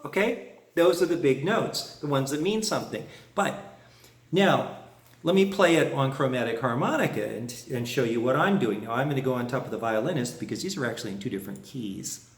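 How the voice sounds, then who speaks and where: A man's voice: mid-range voice, animated, a little fast, roomy sound. A man teaching a harmonica lesson in a folksy way, humming phrases on "na" to show them. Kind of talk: music lesson explanation.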